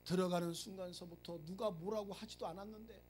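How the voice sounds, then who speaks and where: Animated high-voiced male pastor preaching. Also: fairly quick. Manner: animated, acts out prayers and quotes, jokes with the congregation. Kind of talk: sermon. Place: church sanctuary.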